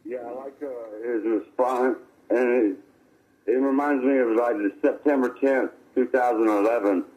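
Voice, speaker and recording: A man's voice: medium pitch, fairly even intonation, normal speed, a little mellow, low-quality recording. A man calling in to a radio show, heard over the radio, talking casually in a rambling, insistent way. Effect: voice of a caller over the radio. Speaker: call-in listener. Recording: radio phone-in call.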